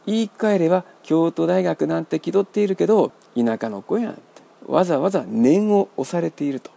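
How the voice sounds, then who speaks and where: A man hosting a radio book talk, explaining in a wry, measured way. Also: fairly high pitch, creaky, dark tone. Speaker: radio host.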